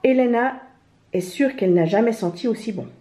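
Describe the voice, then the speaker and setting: A woman reading a children's picture book aloud in a gentle storytelling manner. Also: on the high side, a little fast. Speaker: storybook reader. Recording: roomy, slightly dull home recording.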